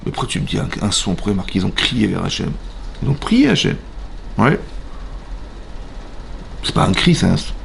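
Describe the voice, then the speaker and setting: A man with a French accent, a rabbi giving an animated Torah class in a synagogue, questioning his listeners and acting out voices. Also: low voice, a little fast, vocal fry, long pauses, a little hiss or hum. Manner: animated, asks the audience questions, acts out voices. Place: synagogue hall.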